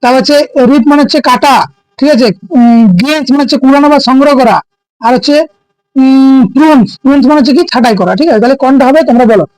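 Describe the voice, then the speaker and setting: Male teacher, high voice, dry close sound, keeps checking students follow. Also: fairly even intonation, fast, a little mellow, dry recording, low-quality recording. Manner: keeps asking students "ঠিক আছে?"; explains by asking and answering his own questions. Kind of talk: exam-prep lesson.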